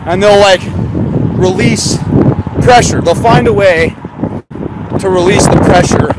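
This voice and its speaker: A high-pitched man talks into a phone as he walks along a road. He rambles and piles up sarcastic rhetorical questions. Traffic and wind roar loudly behind him. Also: measured pace. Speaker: conspiracy vlogger. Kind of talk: live-streamed outdoor vlog. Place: outdoors by a road, on foot. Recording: noisy outdoor phone audio with traffic and wind.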